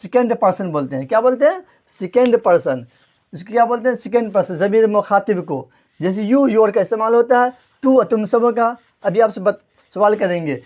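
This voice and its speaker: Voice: mid-range voice, darkish tone. A grammar teacher giving a classroom lesson, repeating each point and quizzing the listeners before answering their own questions. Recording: dull lo-fi recording.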